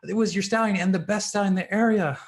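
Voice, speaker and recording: A man voicing a crowd of excitable villagers from an old parable, exclaiming loudly in a raised voice. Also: normal speed. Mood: alarmed. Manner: high, loud, breathless exclaiming. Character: excitable, fretful ancient Chinese villagers.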